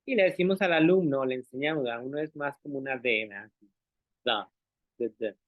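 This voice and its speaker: A male language teacher with a mid-range voice talks fast and expressively in an explanatory session for other teachers. He patiently checks that everyone is following and models sounds aloud. The audio has no room sound and a dry, tinny, phone-like character.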